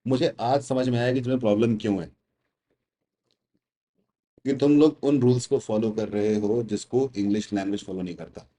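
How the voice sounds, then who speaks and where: A man's voice: fairly low pitch, normal speed, long pauses, dark tone. A young man with an Indian accent, teaching test prep in a chatty, teasing way on a casual livestream. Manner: chatty, teasing, mixes Hindi and English.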